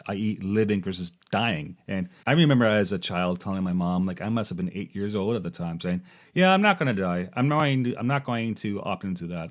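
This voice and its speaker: A man's voice: on the low side, darkish tone. A man hosting a podcast in casual chat, stuttering and restarting his sentences often. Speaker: podcast host.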